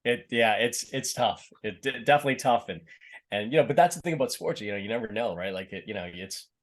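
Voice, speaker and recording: Here the same kind of guest, a middle-aged Boston actor with a slight local accent, talks fast and animatedly in a mid-range voice. It's a casual interview full of rambling, fillers and frequent sentence restarts.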